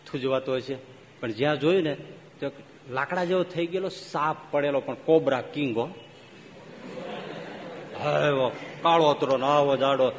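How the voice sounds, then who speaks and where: Male swami, sermon storyteller; animated, quizzes the audience; echoing hall, faint room noise. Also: a little high. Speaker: swami giving a religious discourse. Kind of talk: sermon with fables. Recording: reverberant hall, faint ambience.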